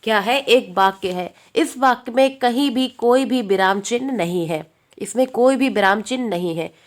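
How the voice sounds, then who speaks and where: A woman's voice: fairly high pitch, normal speed. A woman teacher giving an exam-prep lesson, repeating points and answering her own questions.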